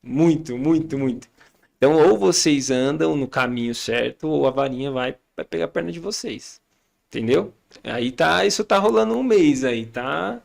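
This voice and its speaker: A man's voice: a little high, normal speed, vocal fry. A man in his thirties with a Brazilian Portuguese accent, a podcast guest telling stories about raising his kids and acting out the family's back-and-forth. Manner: storytelling, acting out family dialogue. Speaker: podcast guest, father and church leader. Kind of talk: casual chat.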